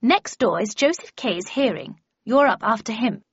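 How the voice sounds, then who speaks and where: Brief: an imperious elderly woman, crisp and scornful, put on by a woman narrator. Husky edge, dry, lo-fi sound. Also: fairly high pitch, lively intonation, moderate pace, dry recording. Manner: clipped, scornful, commanding. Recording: dull, dry lo-fi recording.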